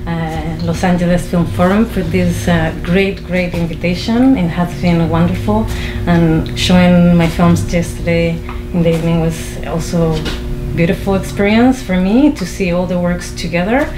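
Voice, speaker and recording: A woman from Chile, a filmmaker, giving a halting introduction to her lecture performance with many fillers and restarts. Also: on the low side. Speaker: filmmaker and guest artist. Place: small film venue. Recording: echoey room with noise.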